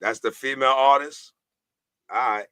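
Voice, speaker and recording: A man's voice: mid-range voice, steady tone, normal speed, sharp tone, clean tone, dry recording. A man hosting a music rating show in a casual, slangy livestream chat style. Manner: slangy, informal.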